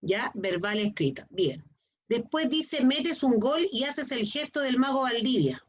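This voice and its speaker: A woman's voice: on the high side, lively intonation, unhurried. A middle-aged woman, teaching a class and often checking if students follow. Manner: explains with frequent checking questions. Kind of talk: online class lecture. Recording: dull lo-fi online class audio.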